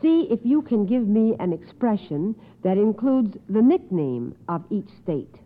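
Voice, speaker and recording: Heard on a muffled, phone-like old radio recording, this quiz show host is a woman who affirms contestants in a courteous, schoolteacherly manner with precise enunciation. Her medium-pitched voice moves unhurriedly, with big pitch swings.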